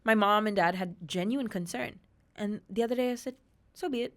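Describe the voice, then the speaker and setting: An Australian woman in her thirties, appearing as a podcast guest, candidly shares her personal story. Her medium-pitched voice moves briskly, and she retells events emphatically and with real animation.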